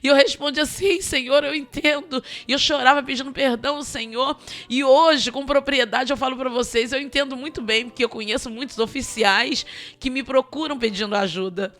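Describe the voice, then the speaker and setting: A woman's voice: high-pitched, fairly even intonation, fairly quick, a bit bright. A woman with a Brazilian Portuguese accent, a missionary preacher giving an impassioned sermon testimony, repeating phrases and breaking into tongues.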